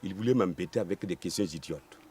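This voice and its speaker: A man's voice: deep voice, quick pace, mellow, slight background noise, natural voice. An actor playing a boastful, clueless male village chief competing in a radio quiz, with a Burkinabè French accent. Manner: boastful and eager.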